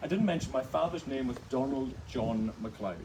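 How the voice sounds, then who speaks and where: A man's voice: medium pitch, animated, moderate pace, background noise. Chuckling Hebridean Scottish man storyteller. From Outer Hebrides, Scotland. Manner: anecdotal, chuckling, self-mocking. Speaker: author guest at a book event. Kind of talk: storytelling on stage. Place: bookshop event with audience. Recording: distant mic, live audience.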